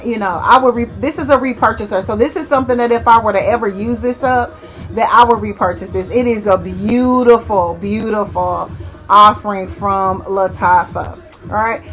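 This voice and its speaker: A woman reviewing fragrances in a chatty, rambling way, often correcting herself and talking fondly to her viewers. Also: a little high. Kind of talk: casual chat to camera.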